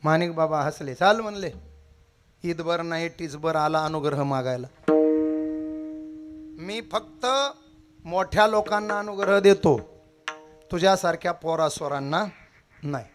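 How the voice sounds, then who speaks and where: A man's voice: fairly high pitch, measured pace, pauses often, faint music behind. A man telling a devotional story, dramatic and acting out the characters' cries. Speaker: kirtan preacher.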